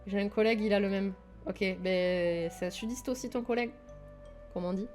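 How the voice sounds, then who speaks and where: Speaking to her stream's chat, a young woman from Toulouse in southern France sounds enthusiastic and casual, sprinkling in plenty of fillers. Her mid-range voice is brisk and a little mellow, its southern French accent set against faint background music.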